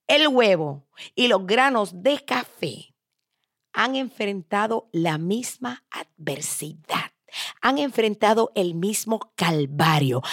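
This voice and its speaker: A woman's voice: mid-range voice, no room sound, studio quality. A woman voicing a wise, patient father. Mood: solemn. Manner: calm, instructive.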